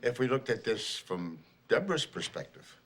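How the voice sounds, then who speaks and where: An actor playing a gentle, probing therapist in a sitcom. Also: male voice, medium pitch, big pitch swings, moderate pace, slight background noise. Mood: earnest. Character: patient earnest therapist.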